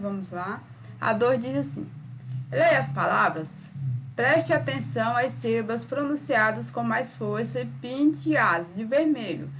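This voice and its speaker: A Brazilian woman teaching a recorded school lesson, patient and repetitive, sounding words out slowly and checking in with "tá ok?" after each step. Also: a little high, fairly bright tone, a little hiss or hum. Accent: Brazilian Portuguese.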